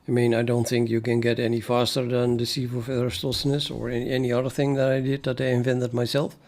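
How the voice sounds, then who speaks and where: On his live coding stream, this native Dutch speaker with a Dutch accent chats and reasons aloud, often restarting and using fillers. He talks fast in a darkish, mid-range voice with little pitch movement.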